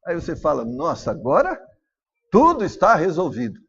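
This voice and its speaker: Brazilian male pastor, lively high voice, dull lo-fi church recording. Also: normal speed, slightly rough. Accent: Brazilian Portuguese. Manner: animated preaching, acts out family dialogue. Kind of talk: sermon.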